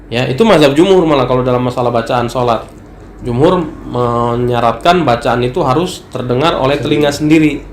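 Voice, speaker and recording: Relaxed, chatty ustaz in an echoey room. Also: male voice, mid-range voice, brisk. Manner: relaxed, conversational, acts out questions from worshippers. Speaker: ustaz teaching Islamic law. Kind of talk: religious study talk. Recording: echoey room with some noise.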